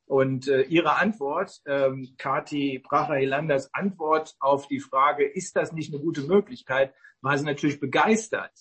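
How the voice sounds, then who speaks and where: A man in casual online talk, rambling and halting with many fillers. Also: on the high side, a bit bright, husky.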